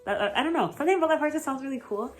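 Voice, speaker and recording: Her voice high and intonation lively, a young woman from the United States talks very fast in a casual vlog, with faint music behind her. She rambles and gushes, filling the chat with fillers and giggles.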